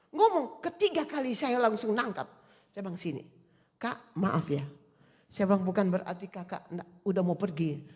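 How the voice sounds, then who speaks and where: Woman preaching a testimony, tinge. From Indonesia. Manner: storytelling, swings from hushed to loud, emotional rises in pitch. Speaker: preacher at a women's service. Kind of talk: sermon testimony.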